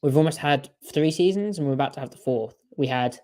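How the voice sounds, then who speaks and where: A man's voice: a little high, brisk, darkish tone. A man co-hosting a podcast in casual sports chat, talking in a chatty way with strings of rhetorical questions. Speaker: podcast co-host.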